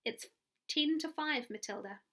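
A woman's voice: high voice, measured pace, fairly bright tone, voice pushed up. A woman reading as a kindly, careful librarian. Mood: concerned. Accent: New Zealand.

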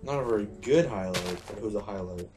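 A tired young man with a lowish voice talks through a game in a loose, rambling, self-mocking way, swearing casually as he goes. Loud music plays underneath his commentary throughout. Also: fast talker. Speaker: gaming channel host. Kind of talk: casual let's-play commentary.

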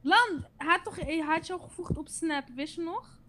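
Young girl on video chat, really high voice, slangy, pushy n halting when explaining. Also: pushed and bright. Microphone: video call.

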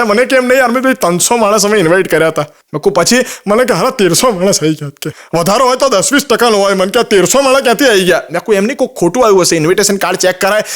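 Gujarati comedy guy, talks super fast, high voice, jumps between quoted voices. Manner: rapid storytelling with quoted voices. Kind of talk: stand-up joke telling.

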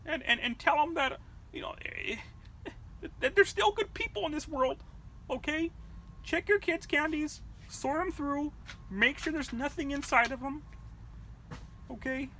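Comedic vlog rant: a woman as a cursing, rambling puppet-world mother, shrill and sharp. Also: a little slow, pauses often, a little hiss or hum. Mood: furious. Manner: profane, shouting, rambling. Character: foul-mouthed furious puppet-world mother.

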